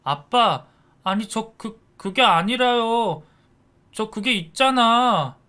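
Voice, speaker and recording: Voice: medium pitch, slow, pushed and bright, clear, resonant tone. A man voicing a mischievous young boy who teases his older sister in a narrated story. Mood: flustered. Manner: teasing, whiny, stammering when caught. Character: cheeky mischievous young boy, little brother.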